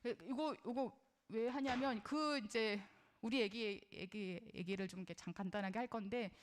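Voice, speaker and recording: A woman's voice: a little high, normal speed. Middle-aged woman, lecture talk, earnest, conversational, personal, questions to audience. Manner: personal, shares her own experience as a mother. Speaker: parenting lecturer. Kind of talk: recorded parenting lecture.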